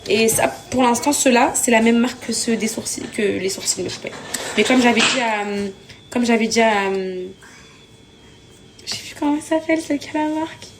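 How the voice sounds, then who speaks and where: Exhausted young woman ranting at home, bit high pitched, pots and pans noise around. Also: brisk. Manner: venting, exasperated, repetitive. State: tired. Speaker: vlogger. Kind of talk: casual vlog chat. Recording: household clatter behind.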